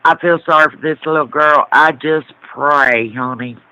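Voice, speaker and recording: A middle-aged man chats casually as a caller, blunt and folksy. His voice is extremely bright and edgy, slightly high for a man, with a dry sound. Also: moderate pace, smooth, no room sound, rough recording. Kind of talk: casual chat.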